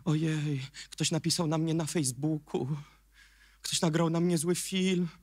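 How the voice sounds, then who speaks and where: A man preaching a sermon as pastor, emphatic, swinging from quiet remarks to shouted questions. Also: a little high, fairly even intonation, measured pace, no room sound, clean studio sound.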